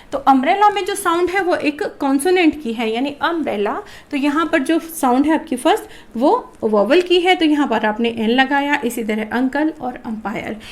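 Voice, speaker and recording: A woman teaching a grammar lesson to children, asking a question and answering it herself. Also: high voice. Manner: addresses viewers as children.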